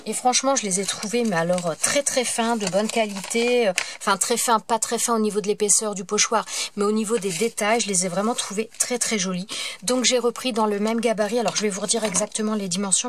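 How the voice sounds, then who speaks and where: A woman's voice: mid-range voice, a little hiss or hum. Chatty woman reviewing craft supplies. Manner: chatty, apologetic, stumbles over words. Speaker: craft vlogger. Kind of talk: casual product haul review.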